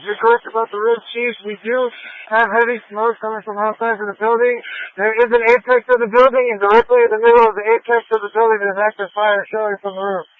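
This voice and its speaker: A man's voice: high voice, flat delivery, quick pace. A male firefighter giving incident reports to command over a two-way radio. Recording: tinny narrowband fire radio transmission.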